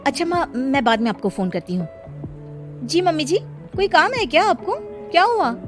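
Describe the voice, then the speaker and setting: A woman voicing a young, overworked daughter-in-law in a cartoon story, talking back quickly and with exasperation. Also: high-pitched, big pitch swings, soft background music, voice pushed up. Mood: complaining. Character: young working daughter-in-law, busy, defensive.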